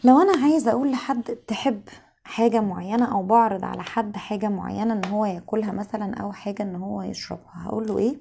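A woman's voice: mid-range voice, creaky, dark tone, a little hiss or hum. Tired Egyptian woman teaching English. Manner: repeats words slowly, drawn out for drilling. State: tired, strained voice. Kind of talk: online English lesson.

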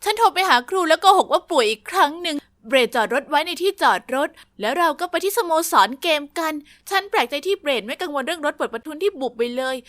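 A woman narrating a first-person story, lively and confiding, speaking straight to the listener. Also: sits high.

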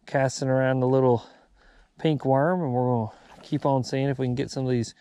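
A man hosting a casual fishing vlog from a bass boat on a lake, chatting and joking with viewers. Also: steady tone, a little fast, warm tone, a little hiss or hum. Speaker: fishing channel host.

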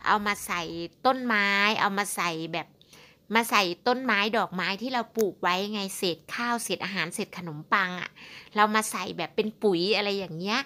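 A woman's voice: mid-range voice, sharp tone. A Thai woman who talks in a chatty way in her home vlog and coos in baby talk to her dogs. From Thailand. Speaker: vlogger. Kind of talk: casual vlog narration.

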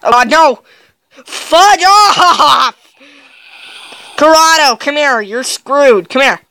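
A woman's voice: sits high, lively intonation, slow pace, bright, forceful tone, no echo. A young woman doing gameplay commentary, jumpy and yelping with laughter when scared. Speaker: gaming video creator.

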